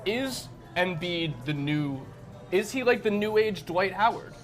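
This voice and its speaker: High-voiced halting co-host man. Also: animated, soft background music. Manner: halting, questioning, filler-heavy. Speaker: sports talk co-host. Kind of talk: casual sports debate. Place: bar, live show.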